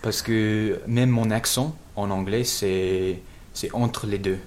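Homme grave qui cherche ses mots. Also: male voice, fairly low pitch, steady tone, a little mellow, a little hiss or hum. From England. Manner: halting, searching for words. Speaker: guest. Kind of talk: interview answers.

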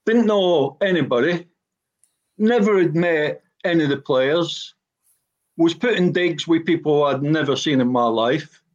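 An older Scottish man with a broad Glaswegian accent and a slightly high-set voice. He reminisces in a blunt, plain-spoken way as a guest on a panel. The sound is dull and lo-fi, like an internet call. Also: measured pace. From Glasgow, Scotland. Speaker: former professional footballer, podcast guest. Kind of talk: personal reminiscence on a panel talk.

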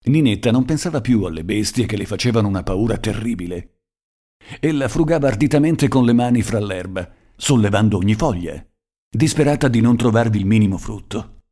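A man narrating a short story in a measured, expressive reading. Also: lowish voice.

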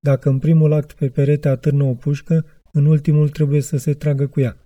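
A gruff middle-aged tavern owner, drunk and brooding, spinning bleak philosophical tales in an audiobook, voiced plainly by a male reader. The voice is very dark and mellow. It sits close and dry, with no room sound. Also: fairly high pitch, level tone, no echo, dull audio, lightly acted. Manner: slurred, philosophical storytelling.

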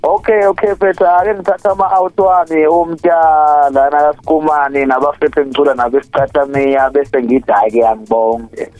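Male radio guest, Zulu accent, fairly high voice, slangy casual talk with repetitions, dry sound over music. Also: little pitch movement, moderate pace, a little mellow, no echo, dull audio. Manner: slangy, repeats words as he talks.

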